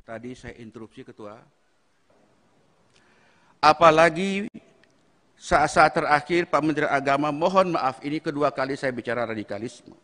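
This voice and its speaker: A man on a parliamentary committee, making measured, critical, formal remarks. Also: a little high, animated, bright, forceful tone. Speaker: committee member. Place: large parliamentary meeting room. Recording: long reverb in a hearing chamber.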